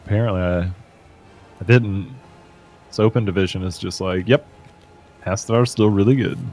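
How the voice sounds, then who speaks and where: Animated man casting a game draft. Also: on the low side, moderate pace, soft background music. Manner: animated, acts out player thoughts in quotes. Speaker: esports caster. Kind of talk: draft-phase casting banter.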